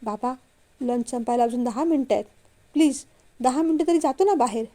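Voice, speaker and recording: A woman's voice: high-pitched, fairly quick, dark tone, natural voice. A woman reading as a whiny, childish young man. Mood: pleading. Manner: pleading, whiny.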